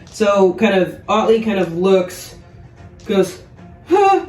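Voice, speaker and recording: A woman playing a tabletop game, unhurried, laughing often and describing her actions loosely. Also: medium pitch, steady tone, darkish tone, echoey room, recorded from a distance, soft background music, low-quality recording. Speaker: player.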